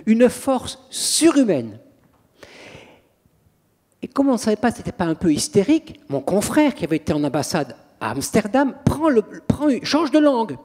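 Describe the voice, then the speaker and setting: Husky high-voiced priest telling stories. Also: male voice, sing-song, moderate pace, a little mellow. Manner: theatrical storyteller, acts out scenes. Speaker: priest and exorcist. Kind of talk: anecdotal public talk. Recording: long reverb of a hall.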